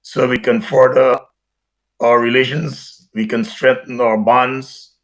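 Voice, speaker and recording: A Guyanese man in his seventies, a retired army officer, giving formal, measured interview answers over a video call. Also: medium pitch, little pitch movement, poor audio.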